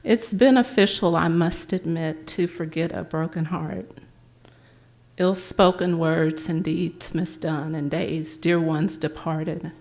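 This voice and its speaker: A woman reading her own poems aloud at a public library event, with a measured, gentle recitation. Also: deep voice, fairly even intonation.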